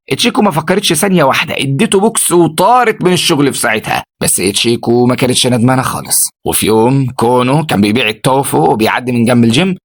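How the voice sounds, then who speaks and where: Rapid-fire Egyptian male recap narrator. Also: on the high side. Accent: Egyptian Arabic. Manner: rapid, storyteller addressing the listener directly. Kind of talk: dramatic film summary narration.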